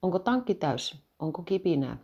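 A woman voicing a practical man who is a vintage motorcycle mechanic and gives quick repair advice. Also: fairly low pitch, very animated, darkish tone, breathy edge, lo-fi sound, full character voice. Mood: casual, helpful.

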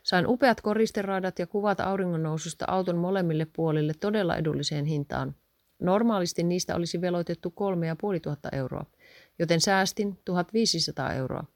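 A woman's voice: lowish voice, no echo, clean studio sound, close to an everyday voice. A woman reading aloud and voicing a stubborn husband who defends his spending. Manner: defensive, grumbling.

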